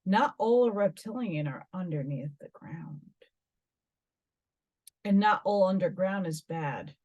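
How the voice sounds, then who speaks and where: Fairly low-pitched yet animated, her slow, slightly mellow voice comes through dull audio. She is an American from New York hosting a metaphysical vlog, reading articles aloud with rambling, dramatic musings.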